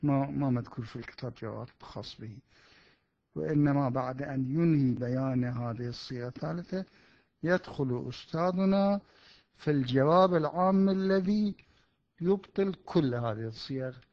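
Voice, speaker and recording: A male seminary teacher works through a point of religious law at a deliberate pace, pausing and correcting himself as he goes. The recording is dry and close, with a slightly muffled, dull tone. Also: mid-range voice, no room sound. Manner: deliberate, with pauses and self-corrections.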